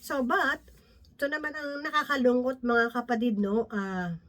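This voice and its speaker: Woman preacher, conversational teaching, fairly high voice, slips in English phrases. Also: fairly even intonation, moderate pace, fairly bright tone. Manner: conversational, often tags lines with "no?" and "di ba?"; mixes English phrases into her talk. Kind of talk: Bible teaching talk.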